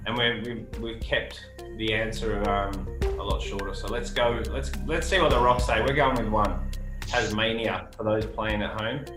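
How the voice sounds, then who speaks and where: A man's voice: fairly low pitch, steady tone, moderate pace. A man hosting a casual game show, chatting along in self-deprecating host patter. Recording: roomy echo, music underneath.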